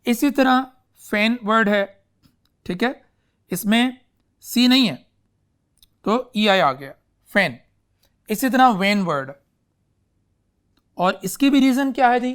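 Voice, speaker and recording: In this Urdu-English classroom lecture, a male teacher walks students through English spelling at a slow, deliberate pace, using many examples. His voice sits high, with lively intonation and a fairly bright, clean tone. He addresses the students as "beta" and repeatedly checks whether they understand.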